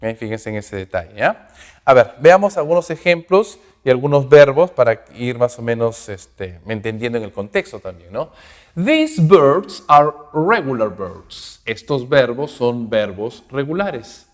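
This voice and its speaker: A man teaching English grammar, at an ordinary middle pitch. He explains step by step and keeps checking in with "ok?". His voice has a long reverb, as if recorded in a hall. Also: big pitch swings. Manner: explains slowly, checking with "ok?" after each point.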